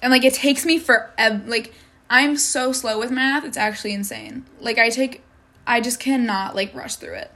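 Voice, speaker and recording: Exasperated teen girl ranting, bright voice. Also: on the high side, fairly even intonation, moderate pace. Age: teens. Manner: exasperated, swears a lot, many likes. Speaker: high school student. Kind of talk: casual venting vlog.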